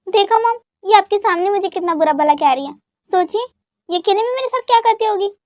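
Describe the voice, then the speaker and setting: A woman's voice: very high voice, expressive, fairly quick, a little mellow, dry recording, dull audio. A woman voicing a young man in a fan dub drama; he plays innocent and complains in a whiny way.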